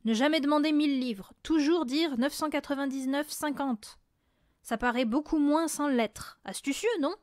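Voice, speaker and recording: A woman voicing a loud blustering boastful father. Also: high voice, normal speed, no echo, studio quality, natural voice. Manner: bragging, then barking and shouting. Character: boastful blustering middle-aged father, quick-tempered.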